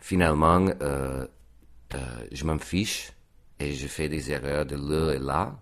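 An American man, a native English speaker, chatting in French as a learner, halting and searching for words. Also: rumbling low, steady tone. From United States. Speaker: guest. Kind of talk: casual conversation in French as a learner.

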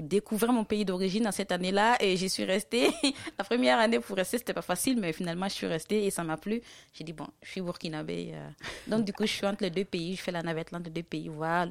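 A woman's voice: fairly low pitch, vocal fry, no room sound. Woman from Côte d'Ivoire, dry close sound. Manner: warm, laughs easily, speaks with hesitations. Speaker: guest. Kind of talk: casual radio interview chat.

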